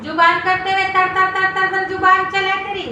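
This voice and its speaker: A woman's voice: very high-pitched, little pitch movement, normal speed, exaggerated voice. A woman playing a nagging, self-pitying middle-aged mother-in-law who scolds and calls on God in a comic sketch. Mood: scolding. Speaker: comedian. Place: home kitchen. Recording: very echoey room, mic far off, loud noise.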